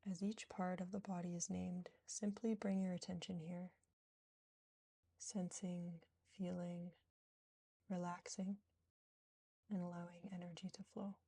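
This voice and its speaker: Speaking softly and without hurry, a woman guiding yoga nidra leaves long pauses between her phrases. Her soothing voice sits on the low side with a touch of fry and a flat delivery, recorded close and dry with no echo.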